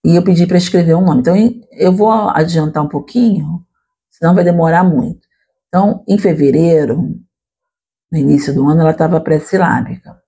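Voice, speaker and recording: A woman teacher walks her listeners through an explanation, often stopping to check they follow. Her voice is mellow and soft, with a slight husky edge. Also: low voice, a little fast, muffled recording. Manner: explanatory, addresses listeners directly with frequent "tá?" and "né?". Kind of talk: explanatory lecture.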